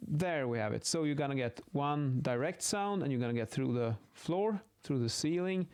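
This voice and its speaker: Animated and medium-pitched, the man sounds a little mellow, clear and resonant, speaking at a normal speed. He gives an impromptu, informal acoustics lesson about measurement methods while sketching, thinking out loud and self-correcting.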